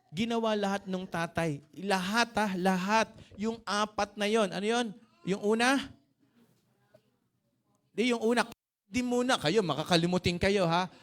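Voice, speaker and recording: A pastor with a fairly high voice preaches in a church. He tells a funny story in the middle of his sermon and teases people in the pews by name. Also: fairly bright tone. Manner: joking, teasing the congregation by name. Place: church sanctuary.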